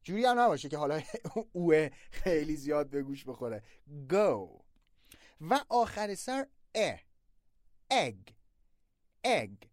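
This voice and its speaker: A teacher running a pronunciation lesson, repeating words slowly and exaggerating sounds to demonstrate them. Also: medium pitch, big pitch swings, a little mellow, no room sound, clean studio sound.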